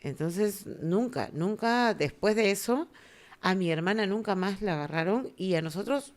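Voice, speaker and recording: A woman's voice: medium pitch, normal speed. A middle-aged woman with a Peruvian Spanish accent tells stories in a casual chat. Her voice rises and falls a lot. She slips into quoted voices as she goes. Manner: animated storyteller acting out quoted voices. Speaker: podcast co-host.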